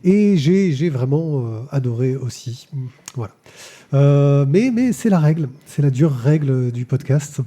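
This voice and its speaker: On a live-streamed podcast reviewing comics, a man speaks at a medium pitch in a warm tone, with lively intonation and a measured pace. His casual style is packed with fillers and repeated words.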